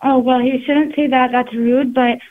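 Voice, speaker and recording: A woman's voice: high voice, steady tone, normal speed, dry recording. A middle-aged woman on speakerphone from a hospital, talking on a phone call in a polite but firm way. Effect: on speakerphone over a phone line. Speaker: prank call target. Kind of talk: phone conversation. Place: at work in a hospital. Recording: tinny dry phone line.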